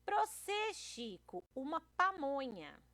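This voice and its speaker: A woman's voice: high-pitched, sing-song, slow pace, no echo, full character voice. A woman voicing a sweet sing-song country girl. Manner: bright, sing-song comic reading. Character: sweet young country girl reading comic lines.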